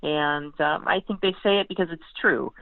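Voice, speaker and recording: Heard over a tinny, band-limited phone line, close and dry, a woman with a deep, gravelly voice speaks at normal speed. She's a sports writer guesting on a talk show, chatting casually and thinking aloud, hedging and qualifying her opinions as she works them out.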